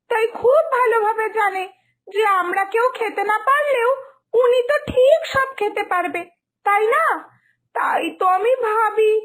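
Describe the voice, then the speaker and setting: A woman voicing an angry young sister-in-law who accuses in a tearful, shrill manner, for a cartoon story. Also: a bit bright. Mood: complaining. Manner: shrill, accusing, near tears.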